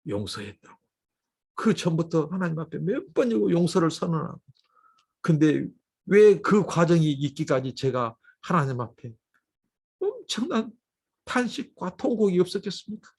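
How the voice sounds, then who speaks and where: A male pastor delivers a livestreamed dawn sermon in a husky, slightly raised voice. His pitch climbs and falls widely as he moves from loud urging to quiet, hushed asides. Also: sing-song, moderate pace. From Korea. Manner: impassioned, swings between loud urging and soft hushed asides.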